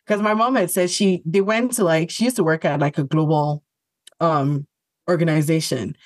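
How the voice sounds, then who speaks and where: A woman with a low-sitting voice chats casually at a moderate pace, and the recording has no echo. She's a podcast co-host who isn't a native English speaker, and her talk is thoughtful, full of fillers and restarts.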